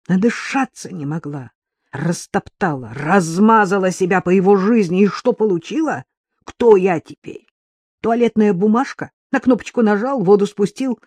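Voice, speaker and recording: A woman plays a drunk middle-aged mother in a storybook reading, her speech slurred and self-pitying. The voice leaps high and low, lisping and cooing, then wailing. The recording is dry and close. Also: lively intonation, measured pace, mellow, husky, dry recording. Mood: bitter tirade. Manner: lisping baby talk turning to wailing.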